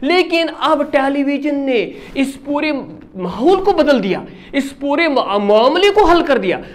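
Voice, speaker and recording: A man's voice: extremely high pitch, expressive, unhurried. A male teacher giving a classroom lesson, repeating key words, quizzing his pupils and praising them often.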